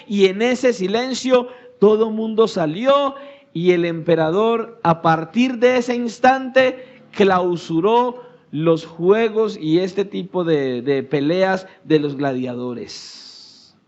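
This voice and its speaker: A male pastor preaching a sermon, rising to shouted peaks and dropping to hushed, low phrases. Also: lo-fi sound.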